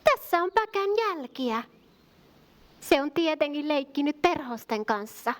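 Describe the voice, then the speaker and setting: A woman's voice: high-pitched, big pitch swings. A woman voicing a kind young shepherd girl in a puppet show, talking to the children in the audience like a storyteller. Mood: worried. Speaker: puppet character.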